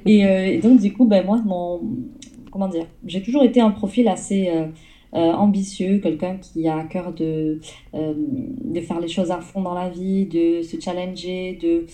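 Woman guest, very dark mellow tone, a little low, hesitant storyteller. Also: steady tone, measured pace, low-quality recording. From southern France. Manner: hesitant, many fillers, storytelling. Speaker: guest entrepreneur. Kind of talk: casual interview.

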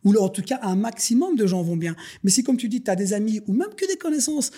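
Animated and quick, with a high pitch and dark tone, a Belgian podcast guest who runs a business holds forth earnestly in a casual talk. He preaches as if delivering a sermon and keeps calling listeners "les gars."

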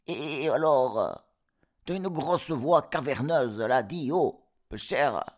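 A man's voice: medium pitch, animated, slow, pitched above the performer's own voice. A man voicing cheeky young goat kids who mock and talk back in a cocky, slangy way. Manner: mocking, cocky, slangy backtalk.

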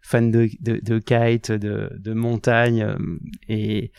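A man in his thirties talking in a casual interview, earnest and halting, often restarting his words. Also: fairly low pitch, monotone, gravelly, darkish tone, smooth. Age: 30s. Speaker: guest.

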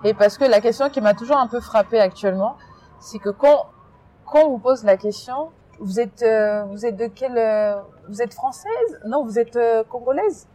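A woman from France being interviewed, talking in an emphatic, animated way with many restarts. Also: fairly high pitch, moderate pace. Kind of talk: casual interview.

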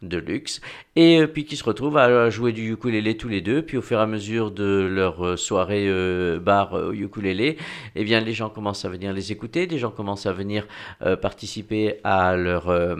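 A man's voice: lowish voice, normal speed. A man presenting a music band on a radio show, talking casually with many fillers and restarts. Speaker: regular music show contributor.

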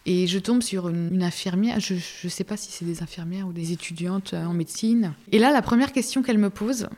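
A young woman giving a personal testimony as a podcast guest, talking casually with many fillers and restarts in a halting, emotional way. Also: on the low side, darkish tone.

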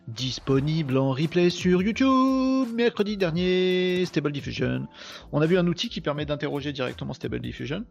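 Speaking with a slightly high, creaky voice, this man hosts a live podcast and keeps things loose, joking with viewers and replying to the chat. He has a trace of a Picard (ch'ti) accent and a chatty, self-mocking manner.

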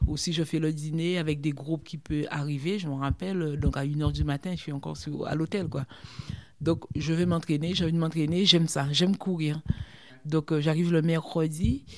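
A middle-aged woman from Guadeloupe, a former sprinter telling her story in an interview, chatty and lively with lots of fillers. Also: low voice, brisk. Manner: lively, chatty, full of fillers like hein and quoi.

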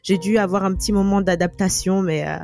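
A woman in her twenties from Burkina Faso, a podcast guest talking in a relaxed, easy conversational way and thinking aloud. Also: medium pitch, fairly quick, faint music behind. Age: 20s. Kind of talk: conversational interview.

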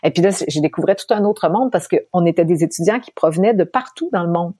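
A middle-aged woman from Quebec with a Québécois accent, telling her story as an interview guest, animated and laughing often. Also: lowish voice, fast, husky, dry recording, clean studio sound. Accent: Québécois French. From Quebec, Canada. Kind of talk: candid storytelling in conversation.

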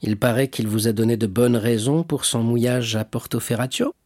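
A man's voice: mid-range voice, steady tone, moderate pace, darkish tone, dry recording, studio quality, close to an everyday voice. A man reading aloud, voicing a jealous, scheming ship's accountant who speaks in a sly, insinuating way.

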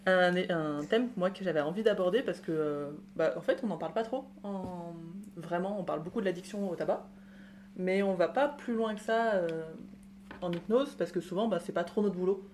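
A woman's voice: lowish voice, moderate pace, darkish tone, a little hiss or hum. A woman hosting a podcast interview in a chatty, conversational way, with fillers. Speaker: podcast host.

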